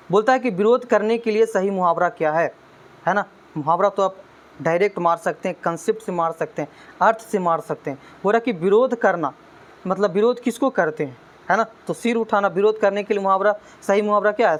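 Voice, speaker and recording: Tutor coaxing with "है ना". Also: male voice, sits high. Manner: constant "है ना" tag questions, coaxing students; motivational, urging hard study. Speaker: teacher. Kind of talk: exam-prep lesson.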